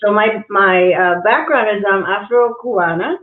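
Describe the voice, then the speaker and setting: A woman's voice: mid-range voice, normal speed. A woman raised in Cuba and New York City, a guest executive coach speaking thoughtfully on a livestream interview, with many fillers and restarts. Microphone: video call. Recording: echoey, phone-like video call audio.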